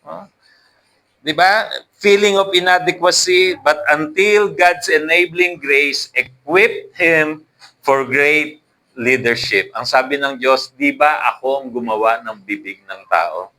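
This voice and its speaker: A man's voice: fairly high pitch, slow pace, bright, forceful tone, poor audio. A man with a Filipino accent preaching a sermon, switching between Tagalog and English and asking the congregation for responses. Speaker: pastor.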